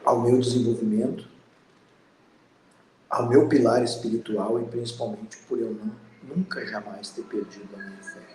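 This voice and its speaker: A man in his fifties from Brazil, hosting a spiritual channel and giving a slow, earnest, reflective monologue. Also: medium pitch, fairly even intonation, dark tone, echoey room, a little hiss or hum, poor audio. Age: 50s. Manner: slow, pausing, earnest and introspective.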